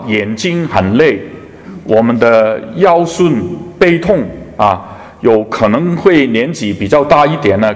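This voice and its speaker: A man preaching a sermon as a pastor, talking in an unhurried, halting way with fillers and restarts. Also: mid-range voice. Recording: reverberant hall.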